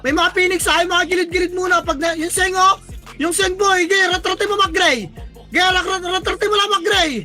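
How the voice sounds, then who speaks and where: A player calling shots in live esports team comms, barking rapid callouts, counting down and cursing often. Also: extremely high pitch, steady tone, sharp tone, faint music behind. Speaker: team shot-caller.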